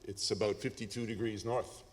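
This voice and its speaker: A man with a Canadian accent giving a conference lecture, lively with joking asides and frequent ums and uhs. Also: fairly low pitch, normal speed. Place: conference hall. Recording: hall reverb.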